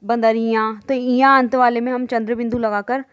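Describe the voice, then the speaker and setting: A woman's voice: a little high, flat delivery, clear, resonant tone. A woman teacher giving a grammar lesson, saying example words in pairs and explaining each rule step by step. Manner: slow, repeating word pairs aloud.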